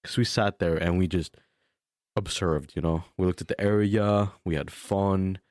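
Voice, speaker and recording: A young man with a deep voice co-hosts a podcast. He tells stories casually in frat-bro slang, swearing freely. The sound is dry, with hardly any room on it. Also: fairly even intonation, moderate pace, darkish tone, dry recording. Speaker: podcast co-host. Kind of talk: casual chat, storytelling.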